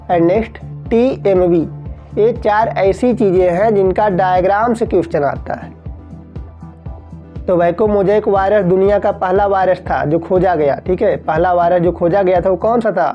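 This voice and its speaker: A woman's voice: mid-range voice, lo-fi sound. A woman science teacher going through multiple-choice exam questions, repeating key terms, asking her students questions and often saying "theek hai".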